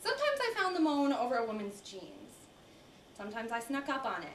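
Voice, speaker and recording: A bold, playful ex-lawyer turned dominatrix, played by a young woman on stage, talking frankly and teasing between bursts of laughter. Her voice sits fairly high and comes from well away from the mic. It echoes around a roomy college hall, with a faint hiss underneath. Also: wildly swooping pitch, a little fast. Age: young adult. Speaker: student actor. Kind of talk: staged monologue performance. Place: college building stage before an audience. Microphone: distant camera mic. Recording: roomy, distant live-hall recording.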